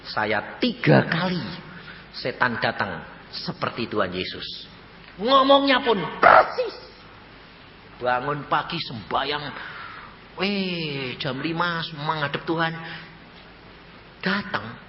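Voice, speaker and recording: An older man with a Javanese accent preaching a colloquial storytelling sermon, jumping between loud high exclamations and soft low asides, in an echoey church hall. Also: expressive, slow, pauses often, a little hiss or hum. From Java, Indonesia. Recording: echoey, slightly dull hall recording with faint ambience.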